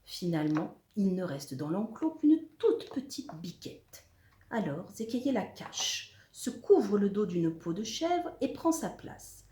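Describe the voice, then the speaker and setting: A teacher reads a story to children, her voice rising and falling with lively expression. She drops to a hush at tense moments. The room is echoey. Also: medium pitch, takes it slowly. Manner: expressive, dropping to a whisper for suspense. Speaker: schoolteacher. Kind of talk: reading a story aloud to children.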